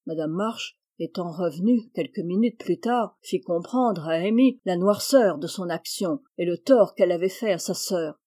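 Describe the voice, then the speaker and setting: A woman reading a novel aloud in measured, even storytelling narration. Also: mid-range voice. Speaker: audiobook reader. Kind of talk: scripted narration.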